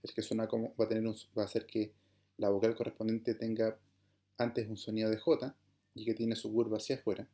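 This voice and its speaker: Patient man teaching a class, dark voice. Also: fairly low pitch, little pitch movement, a little fast. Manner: patient, explanatory, checks understanding with "¿verdad?" and "¿bien?". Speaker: Greek teacher. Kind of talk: online class lecture.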